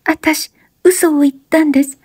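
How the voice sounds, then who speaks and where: A woman's voice: high voice, fairly even intonation, normal speed, a little mellow, no echo, studio quality, pitched above the performer's own voice, close to an everyday voice. A woman voicing a desperate, guilt-ridden young woman who pleads breathlessly through sobs in a spoken story reading. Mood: tearful.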